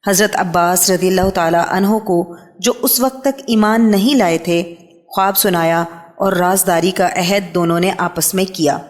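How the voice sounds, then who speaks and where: A woman reading a religious history book aloud in a steady, measured way, announcing each new heading. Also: fairly low pitch. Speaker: book reader. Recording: long hall reverb.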